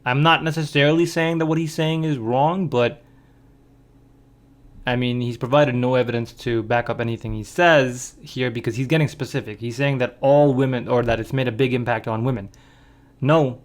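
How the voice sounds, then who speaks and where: Calm, measured man giving commentary. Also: medium pitch. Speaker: commentary video host. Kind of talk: casual reaction commentary.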